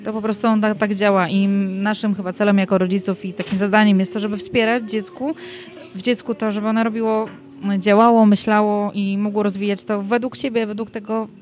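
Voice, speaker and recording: A woman at a middle pitch hosts an interview, thinking aloud as she speaks. She pauses and restarts often while working through her points. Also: flat delivery, darkish tone, soft background music. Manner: thoughtful, hesitant, many restarts. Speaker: host. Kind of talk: conversational interview.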